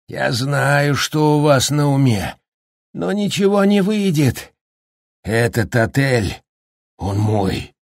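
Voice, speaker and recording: A man voicing a raging, unhinged middle-aged father who shouts threats in a husky voice. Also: low-pitched, no room sound, clean studio sound, full character voice.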